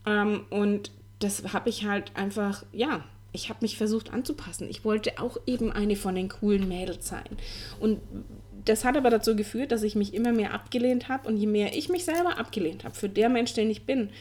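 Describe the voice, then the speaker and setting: A woman's voice: medium pitch, moderate pace, a little mellow. A woman in her forties hosting a podcast, telling her personal story in an earnest, candid way, with many fillers and restarts. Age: 40s. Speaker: podcast host.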